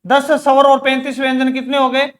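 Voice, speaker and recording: A man's voice: extremely high pitch, monotone, fairly quick, a bit bright. A man teaching an exam-prep grammar lesson, asking questions and answering them himself, repeating key words. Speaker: Hindi teacher.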